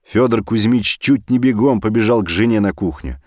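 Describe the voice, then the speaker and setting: A man narrating an audiobook story in an expressive, animated reading. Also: lowish voice, normal speed, no echo, studio quality.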